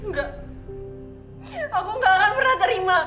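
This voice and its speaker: Crying daughter in denial, very high tearful voice, soap opera. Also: female voice, lively intonation, moderate pace, pushed and bright, soft background music, exaggerated voice. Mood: distraught. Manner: tearful, pleading, insistent. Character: distraught young daughter, refusing the truth.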